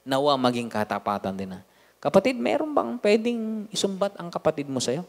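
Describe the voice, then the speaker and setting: A man with a Filipino accent preaching a lively sermon as pastor, swinging from loud to hushed with joking asides. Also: on the high side, a little fast, gravelly. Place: church hall. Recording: long hall reverb.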